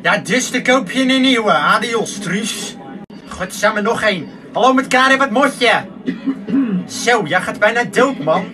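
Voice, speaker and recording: Man acting as a rude insulting woman worker, very high voice, music behind, distant mic. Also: expressive, a little slow. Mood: scornful. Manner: insulting, snappish, scornful. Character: rude foul-mouthed female service worker. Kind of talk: sketch comedy acting.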